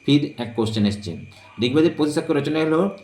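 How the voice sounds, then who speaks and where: A man teaching an exam-prep lesson, reading quiz questions and drawing out each answer option slowly and deliberately. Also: a little high, lively intonation, a little mellow. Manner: slow, deliberate, drawn-out listing of options.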